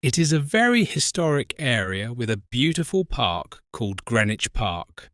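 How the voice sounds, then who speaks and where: A British man in his forties co-hosting an English lesson podcast, speaking slowly and clearly for learners. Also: mid-range voice, very animated, fairly bright tone. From Britain. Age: 40s. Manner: slow, careful, spells out words. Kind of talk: slow scripted teaching talk.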